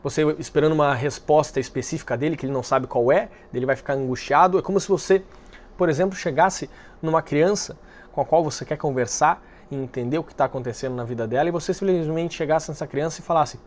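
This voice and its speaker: A man hosting a dating-advice video, speaking calmly and directly to the viewer, explaining step by step. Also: on the high side, fast. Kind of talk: direct-to-camera advice talk.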